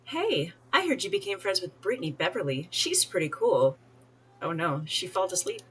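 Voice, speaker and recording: A woman's voice: lowish voice, very animated, normal speed, fairly bright tone. A woman streaming a life-sim game, chatting casually, giggling and talking to the characters on screen. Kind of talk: casual gameplay commentary.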